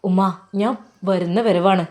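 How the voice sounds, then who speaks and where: A woman voicing a devoted young male cleric who speaks softly and respectfully with a Malappuram Malayalam accent. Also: on the low side, steady tone, measured pace, pitched below the performer's own voice, lightly acted. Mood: polite.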